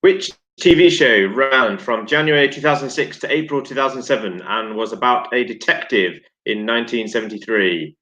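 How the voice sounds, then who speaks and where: A man and teacher reading out quiz questions loudly, with a dry, joking manner. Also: mid-range voice, moderate pace, hardly any pauses, low-quality recording. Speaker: teacher, guest quizmaster. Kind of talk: online quiz hosting.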